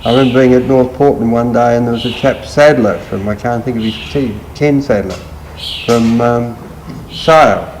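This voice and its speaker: An older man with a rural Australian accent, reminiscing in an unhurried, laconic country drawl. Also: medium pitch, a little mellow, rough recording. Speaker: retired livestock agent reminiscing. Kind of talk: oral-history reminiscence. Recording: faint background noise and ambience.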